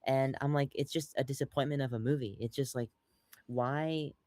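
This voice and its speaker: A man's voice: mid-range voice, fairly even intonation, moderate pace, a little mellow, dry recording. A young man co-hosting a podcast, rambling through casual chat with lots of fillers and restarts, acting out quotes along the way. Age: young adult. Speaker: podcast co-host.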